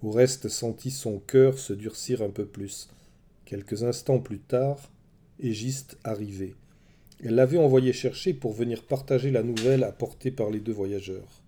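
A man telling a myth in measured, dramatic scripted narration. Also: medium pitch. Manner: measured, dramatic storytelling, soft at the close. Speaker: storyteller.

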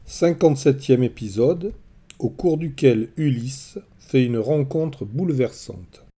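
Male narrator, very dark mellow voice, expressive scripted storytelling. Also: mid-range voice, slow.

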